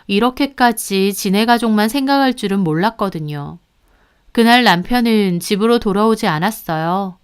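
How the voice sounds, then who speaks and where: A woman's voice: medium pitch, clear, resonant tone. A woman telling a personal story in first person, in a confiding way. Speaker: story narrator. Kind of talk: storytelling narration.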